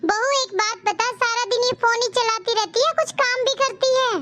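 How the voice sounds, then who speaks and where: A woman's voice: extremely high pitch, steady tone, moderate pace, a bit bright. A woman voicing a strict, complaining mother-in-law in a cartoon story. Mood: nagging. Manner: scolding, complaining. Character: nagging middle-aged mother-in-law, strict, fed up.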